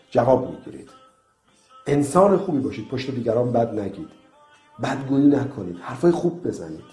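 Man, preacher type, earnest and exhorting, mellow voice, roomy echo with faint music underneath. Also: mid-range voice. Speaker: preacher addressing young people. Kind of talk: motivational religious sermon. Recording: echoey room with faint music.

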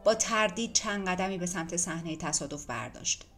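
A woman reading an audiobook in a measured, dramatic storytelling manner, with faint music behind. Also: lowish voice, fairly bright tone. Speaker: narrator. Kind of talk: audiobook narration.

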